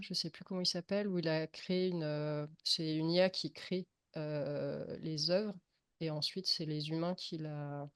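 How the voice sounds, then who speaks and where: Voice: mid-range voice, smooth, no echo. A panelist answering on a video call, hesitant and full of fillers. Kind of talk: casual panel discussion.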